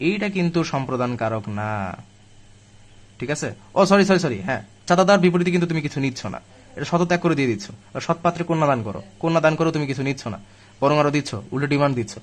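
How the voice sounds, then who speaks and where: A young man teaching a live online grammar class to admission students, chatty and direct, though weak from illness. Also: fairly high pitch. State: weak and ill, speaking slowly.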